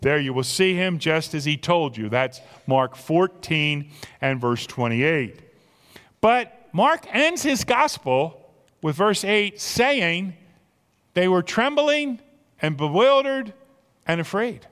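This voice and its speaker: A man's voice: fairly high pitch, big pitch swings, slow. Impassioned male pastor in a reverberant hall. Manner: impassioned, swings from loud emphasis to hushed near-whisper. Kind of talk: Easter sermon. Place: church sanctuary. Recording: long reverb of a church hall.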